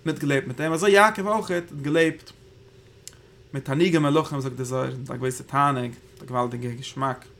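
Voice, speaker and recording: Gravelly-voiced man teaching Torah in Yiddish. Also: mid-range voice, steady tone, fairly quick, a bit bright. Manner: rambling, thinking aloud, Hebrew terms woven in. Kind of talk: Yiddish Torah class on the Zohar.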